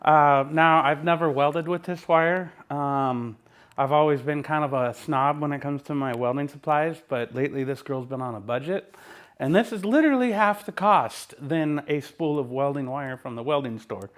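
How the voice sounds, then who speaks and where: A man's voice: on the high side, normal speed. Folksy man talking in his workshop. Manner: folksy, easygoing, talks while working. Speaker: home welder and mechanic. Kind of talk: casual workshop how-to vlog. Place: home workshop.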